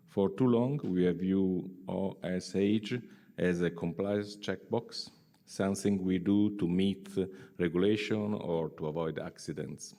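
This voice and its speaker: Slow hesitant man in a reverberant hall. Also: sits low, dark tone. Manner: hesitant, many "uh" fillers. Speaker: session moderator. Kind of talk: conference introduction. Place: conference hall.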